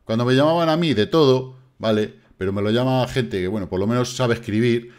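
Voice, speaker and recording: A man's voice: mid-range voice, fairly quick, clear, resonant tone. Blunt Spanish man mocking critics. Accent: Spain Spanish. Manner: blunt, mocking, swears casually. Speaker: crypto trading YouTuber. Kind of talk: casual market commentary. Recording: distant megaphone-shouted opening.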